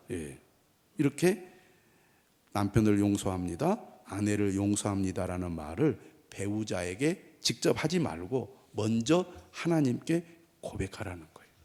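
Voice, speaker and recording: A man's voice: on the low side, darkish tone. A man preaching a Sunday sermon in a conversational way, leading the congregation in repeating phrases. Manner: conversational preaching, acts out quoted lines. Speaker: pastor. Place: church sanctuary. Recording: church hall reverb.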